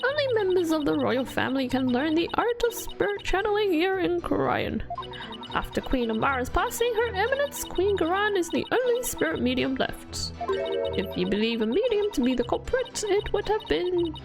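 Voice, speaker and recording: Video game old hag, played by an amateur woman: smug elderly servant, condescending, animated delivery. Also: very high-pitched, normal speed, gravelly, music in the background, voice pushed up, full character voice. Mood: feigned humility.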